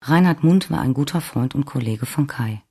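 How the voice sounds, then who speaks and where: A narrator reads a story aloud in a calm, measured way. The voice is gravelly and husky. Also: medium pitch. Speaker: audiobook narrator. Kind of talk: scripted narration.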